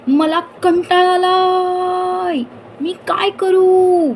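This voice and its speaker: A woman's voice: very high-pitched, flat delivery, extremely slow, a little hiss or hum, pitched above the performer's own voice, full character voice. A woman voicing a bored young boy who whines and pleads in a storybook reading. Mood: loud bored. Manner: whining, pleading.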